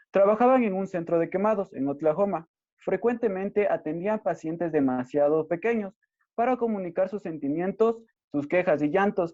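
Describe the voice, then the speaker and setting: Mellow Ecuadorian man reading a presentation. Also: on the high side, dry recording. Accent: Ecuadorian Spanish. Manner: steady, informative, reads prepared text. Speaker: hospital intern presenting to classmates. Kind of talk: read class presentation. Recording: dry, muffled lo-fi audio.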